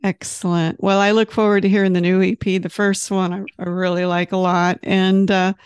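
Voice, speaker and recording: A woman's voice: medium pitch, little pitch movement, normal speed, clean tone, no room sound, studio quality. A woman from Detroit interviewing a musician in a casual, encouraging way, with frequent murmured back-channel responses. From Detroit, United States.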